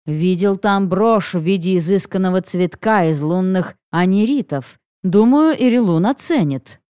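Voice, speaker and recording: A woman's voice: mid-range voice, lively intonation, measured pace, dark tone, smooth, no echo, clean studio sound, close to an everyday voice. A woman reading a cheeky young dragon. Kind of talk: audiobook reading.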